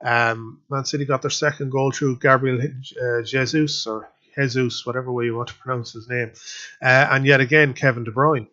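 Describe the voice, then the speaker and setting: Male podcast host, mid pitch, rambling match review full of "um"s and restarts, slightly dull lo-fi recording. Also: fairly even intonation, normal speed, pushed and bright. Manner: rambling with frequent fillers and restarts. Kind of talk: casual spoken match review.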